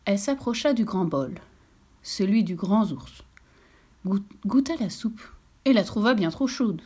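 A woman's voice: medium pitch, animated, measured pace, darkish tone, husky. A woman narrating a children's storybook expressively, sometimes dropping to a whisper.

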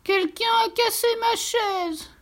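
A woman voicing a small, whiny bear cub in a storybook reading, with a high squeaky voice. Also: expressive, unhurried.

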